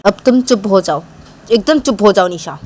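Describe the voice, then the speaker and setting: A woman's voice: expressive, moderate pace, darkish tone, slight background noise, lightly acted. A woman voicing an exasperated young woman who keeps complaining, asking the same questions again and again, in an amateur audio story. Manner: exasperated, repeats complaints, high and insistent. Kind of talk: amateur storytelling with voiced dialogue.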